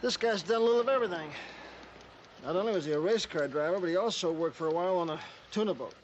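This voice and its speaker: An actor playing a brisk, wry police detective in a casual, clipped 1970s TV crime drama style. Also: male voice, sits high, dull audio, natural voice. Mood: matter-of-fact. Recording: noisy old TV soundtrack.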